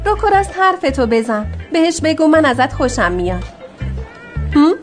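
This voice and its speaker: A woman's voice: high-pitched, sing-song, faint music behind. A woman dubbing a level-headed young shopkeeper in a TV drama. She speaks in a dry, mildly scolding way. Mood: wry. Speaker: shopkeeper who translates for a friend. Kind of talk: dubbed TV drama acting.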